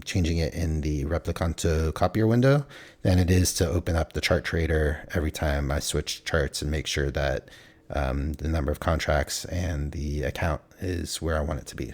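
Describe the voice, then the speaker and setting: A slightly hoarse man casually recapping his trades at his computer in a matter-of-fact way, thinking aloud as he goes. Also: a bass voice, a little mellow.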